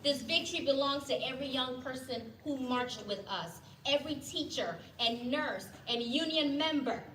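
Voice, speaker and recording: A woman with a fairly high voice rallies a crowd, trading calls and answers with them. Her voice carries through an echoey hall, heard from some distance. A noisy background sits behind her. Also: lively intonation, moderate pace, a bit bright. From Ghana. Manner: rousing, call-and-response with the crowd. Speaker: rally speaker, legal director. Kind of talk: rally speech. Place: indoor hall at a rally.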